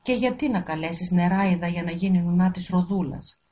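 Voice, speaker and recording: A woman's voice: lowish voice, warm tone, lightly acted. A woman voicing spiteful, jealous young princesses who talk in a scornful, complaining way, on a dull lo-fi recording.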